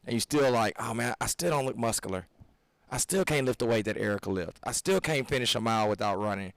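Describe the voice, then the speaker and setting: A fitness coach in his thirties co-hosts a casual podcast discussion, speaking earnestly and preachily while rambling and restarting. His voice is medium-pitched and quick, with no room sound.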